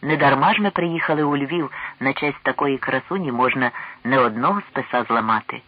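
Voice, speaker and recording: A man's voice: mid-range voice, brisk, no echo, highs cut off, natural voice. A man voicing a noble, gallant king in an audiobook, speaking in a courtly, exclaiming manner, raised above his narrating voice. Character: noble, warm-hearted young king, gallant.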